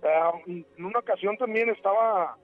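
Caller, male, 40s, higher voice, halting storyteller, tinny phone line. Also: soft background music. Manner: rambling, halting storyteller with many restarts. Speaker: radio caller. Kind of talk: telling a ghost story on a call-in show. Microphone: telephone.

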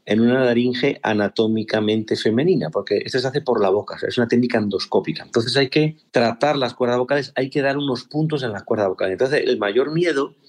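A man's voice: mid-range voice, brisk, few pauses. Man, a surgeon explaining patiently. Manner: didactic, explains step by step. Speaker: ear, nose and throat surgeon. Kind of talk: explanatory interview answers.

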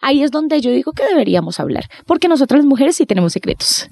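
A woman's voice: high voice, very animated, fast, vocal fry, darkish tone, no echo. A woman hosting a podcast, brash and teasing in casual chat. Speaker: podcast host.

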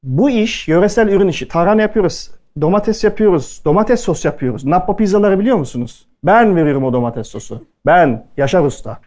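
Talking fairly quickly with few pauses, a man with a high, darkish, animated voice shares casual stories with a culinary event audience. He acts out the quoted lines of the people he describes.

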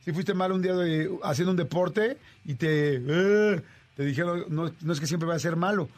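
Animated Mexican man telling a story. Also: on the high side, normal speed. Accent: Mexican Spanish. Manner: animated, acts out dialogue with shifting voices. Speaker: radio host and voice actor. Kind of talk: casual storytelling chat.

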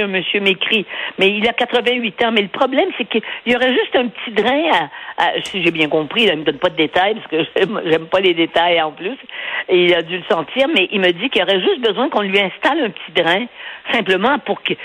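An older woman with a Québécois accent, a newspaper columnist talking in a radio interview, animated and rambling, laughing often and stumbling over her words. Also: medium pitch, poor audio. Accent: Québécois French.

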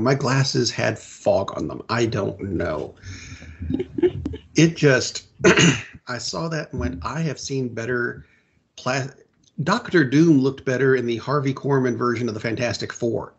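A middle-aged man co-hosting a casual podcast, rambling and correcting himself, clearing his throat often. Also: mid-range voice, highs cut off. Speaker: podcast co-host. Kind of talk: casual chat about comic book films and shows.

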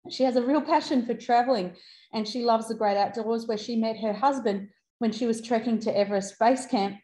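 A woman's voice: fairly high pitch, a little fast, warm tone. A woman hosting a conversational interview in an encouraging, affirming manner. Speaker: interview host. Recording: roomy, echoing voice recording.

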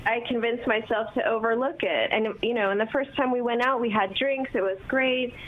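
A woman's voice: on the high side, fairly even intonation, a little fast. A woman on a phone call to a radio show, chatting candidly and telling her story. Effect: heard over the phone. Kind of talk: casual chat. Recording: muffled phone line with faint hiss.

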